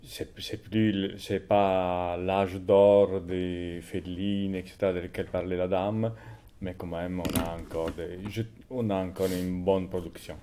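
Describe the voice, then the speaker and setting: A male guest in a studio interview, speaking haltingly and searching for words. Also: deep voice, little pitch movement, dark tone, a little hiss or hum.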